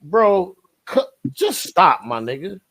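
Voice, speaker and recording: Guy on a podcast, kinda high voice, gets worked up and emphatic. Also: takes it slowly. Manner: animated, emphatic, frequent "bro" and "like". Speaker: podcast co-host. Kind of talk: casual profane chat.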